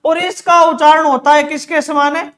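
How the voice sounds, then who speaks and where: A man's voice: very high voice, level tone, moderate pace, fairly bright tone. A man teaching an exam-prep grammar lesson, asking questions and answering them himself, repeating key words. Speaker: Hindi teacher.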